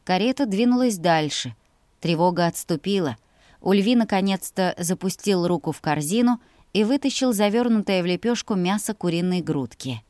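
A woman reading a first-person fantasy audiobook in a lively, expressive way. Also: on the low side, normal speed, dry recording, clean studio sound. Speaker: audiobook narrator. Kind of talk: scripted first-person narration.

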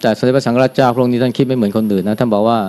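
An older man, a Buddhist monk, giving a dharma talk in a calm, unhurried way, softly ending his phrases with a gentle particle. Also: medium pitch, smooth. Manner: calm, unhurried, adds a soft "na" at the end of phrases.

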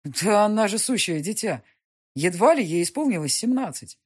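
A woman reading the lines of a stubborn young nobleman arguing with his mother, in her own husky voice with a sullen, insistent manner. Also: mid-range voice, expressive, normal speed, a little mellow, voice pushed up.

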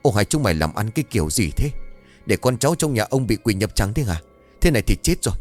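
A man's voice: on the low side, animated, fast talker, darkish tone, faint music behind. A man doing a scolding old patriarch. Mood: angry. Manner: scolding, barking.

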